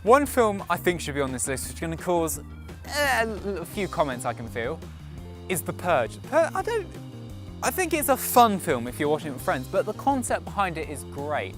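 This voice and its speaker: A man's voice: fairly high pitch, very animated, normal speed, over music. A young man giving casual, opinionated reviews to camera as a vlog co-host.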